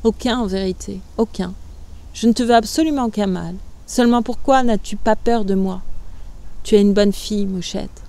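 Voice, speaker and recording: A woman voicing a sly, cruel sixteen-year-old girl who taunts in a soft, low voice, in a storybook reading. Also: steady tone, normal speed, lightly acted. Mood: taunting.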